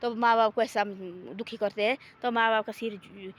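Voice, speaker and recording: A woman talking casually outdoors in a forest, homely and repetitive, gently moralizing. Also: medium pitch, fairly even intonation, moderate pace. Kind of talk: casual rambling talk.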